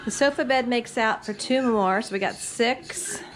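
Inside and around the yard of a small lake house, a middle-aged woman vlogs about her home renovation for her family channel, casual, upbeat, and full of ums. Her voice is a bit high and a bit slow, picked up by a handheld camera at arm's length with a little hiss or hum.

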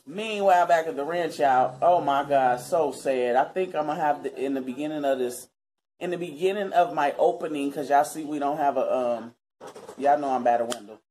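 A vlogger in her thirties from Cincinnati, Ohio, US, talks casually to camera from her living room, chatty and earnest, repeatedly calling her viewers y'all. Her voice sits low and sounds mellow, at a normal speed.

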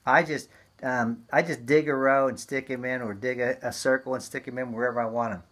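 A man's voice: medium pitch, steady tone, fairly quick, a bit bright. A man giving a casual, hands-on gardening demonstration, talking in a chatty, folksy way with lots of ums and uhs. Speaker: gardening teacher.

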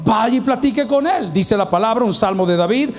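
A man with a Salvadoran Spanish accent, preaching a sermon to his congregation, animated and questioning the listeners. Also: high-pitched, fairly quick. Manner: animated preaching, acts out quoted voices, asks the congregation questions. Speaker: pastor. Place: church hall.

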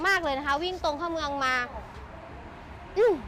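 Very high-pitched woman giving gushing sales patter. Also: moderate pace, pushed and bright. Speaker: motorbike shop sales host and presenter. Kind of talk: chatty sales walkaround vlog. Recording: noisy handheld recording with vehicle sounds.

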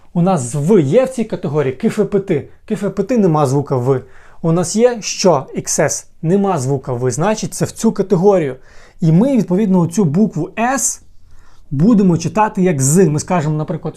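Patient male teacher, mellow tone, slow repeated examples. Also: high-pitched. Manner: patient, repeats words slowly and addresses viewers as friends. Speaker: English teacher. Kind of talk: explaining a grammar lesson.

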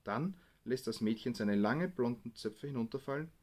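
Brief: man reading as a calm mother telling a fairy tale, gentle, melodic delivery. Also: mid-range voice, moderate pace, natural voice.

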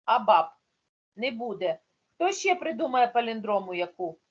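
A woman's voice: a little high, lively intonation, moderate pace, highs cut off. Patient woman teacher on a video call. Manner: patient, explaining step by step. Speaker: primary school teacher. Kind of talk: online class teaching.

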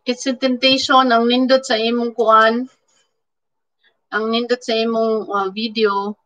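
A woman with a Filipino accent chatting casually with live viewers, mixing languages, thanking people by name and pausing on fillers. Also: a little high, little pitch movement, fairly bright tone, low-quality recording. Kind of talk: casual live-stream chat. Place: indoors at home in Canada.

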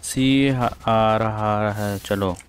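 A man's voice: lowish voice, fairly even intonation, drawn-out words, slight background noise. Bossy man making game callouts. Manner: bossy callouts, swearing at teammates. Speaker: live-streaming gamer. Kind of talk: casual gaming chat.

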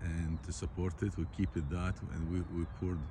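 A man walking a construction site and explaining the work in plain, halting, repetitive phrases, recorded on a handheld phone outdoors. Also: low voice, level tone, noisy background. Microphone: phone camera held by the speaker.

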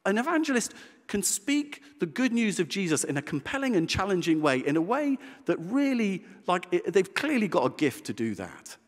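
A man preaching a sermon in a conversational, animated way, with self-deprecating humor. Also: on the high side. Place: church. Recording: church hall reverb.

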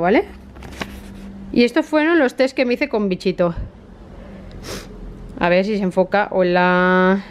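A woman in her thirties with a Spain Spanish accent, chatting excitedly to camera in a casual vlog. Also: mid-range voice, a little hiss or hum. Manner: chatty and excitable, often laughing. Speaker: vlogger.

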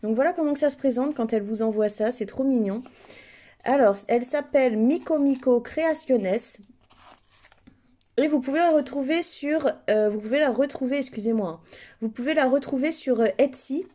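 A woman with a fairly high, mellow voice hosts a casual unboxing. She talks with a mouth numb from the dentist, slightly impeded, and is effusive in her admiration. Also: normal speed. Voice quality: numb-mouthed, slightly impeded speech after dental extraction. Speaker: host of unboxing videos.

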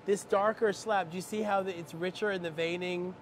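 A woman's voice: on the low side, fairly even intonation, fairly quick, crowd noise. A woman on a walkthrough in a big stone warehouse, talking with enthusiasm and admiration, restarting her sentences as she thinks aloud. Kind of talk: casual on-site walkthrough. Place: large stone slab warehouse, indoors. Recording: noisy warehouse recording.

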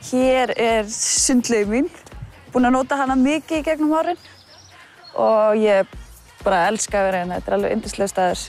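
A woman's voice: fairly high pitch, brisk, a little mellow, soft background music. Chatty woman giving a poolside tour. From Iceland. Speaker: host. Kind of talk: casual tour chat. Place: outdoor apartment courtyard by a pool.

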